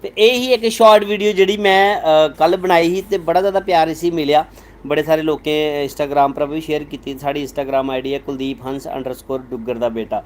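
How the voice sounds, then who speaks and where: A man's voice: on the high side, fairly even intonation, moderate pace, a little hiss or hum. Chatty Dogri-accented man on a live stream. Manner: chatty storytelling, playful. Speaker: comedian hosting a live stream. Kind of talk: casual live chat answering viewer comments.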